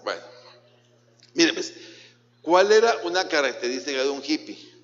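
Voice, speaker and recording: A man's voice: on the high side, expressive, normal speed. A man with a Guatemalan accent preaching a sermon as pastor, questioning his congregation directly and mixing in jokes. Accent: Guatemalan Spanish. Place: church hall. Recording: echoey church hall, dull lo-fi sound.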